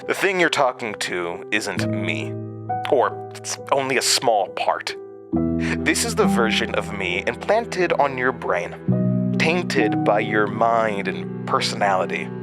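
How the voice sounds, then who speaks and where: In an audio drama with music behind, an actor plays a fragmented, volatile, mysterious male entity implanted in someone else's mind. His mid-range, sing-song voice sounds cryptic and confused. He speaks haltingly, swinging between muttering and sudden outbursts.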